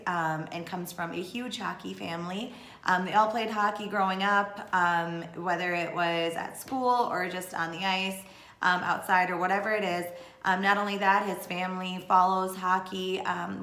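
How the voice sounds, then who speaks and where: A Sri Lankan-born woman in her thirties, a blogger and vlogger, chats casually to camera, rambling with plenty of fillers. Her voice is on the low side and a little bright, and the room is echoey.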